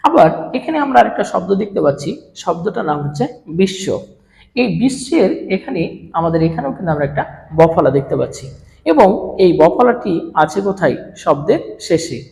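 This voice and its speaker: A man's voice: high voice, big pitch swings, brisk, gravelly, darkish tone. A man teaching a grammar lesson to students. He asks questions and answers them himself. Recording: echoey room with long reverb.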